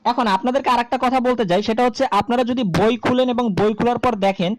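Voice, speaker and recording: A woman's voice: fairly high pitch, fast. A woman teaching a grammar lesson, explaining step by step at a board and asking the class rhetorical questions.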